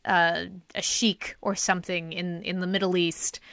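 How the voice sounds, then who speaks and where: A woman hosting a podcast, telling rambling animated stories in casual chat. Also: fairly low pitch, a little slow, no echo, clean studio sound. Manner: animated, rambling storyteller, breaks into singing. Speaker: podcast host.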